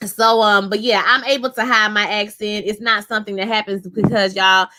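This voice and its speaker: Reviewing a TV episode on a live stream, this show reviewer talks with her live-chat viewers in a chatty, animated way and addresses them as "y'all." She's in her thirties, from Louisiana with a New Orleans accent, and her voice is medium-pitched at a moderate pace.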